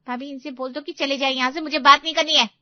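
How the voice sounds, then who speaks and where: A shrill, sulky young bride in a cartoon story, played by a woman, her high voice snapping into petulant complaints. The sound is dry and dull, like a lo-fi studio take. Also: fairly even intonation, fast, no room sound, lightly acted. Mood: sulky, angry. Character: sulky young bride, quick-tempered and tearful.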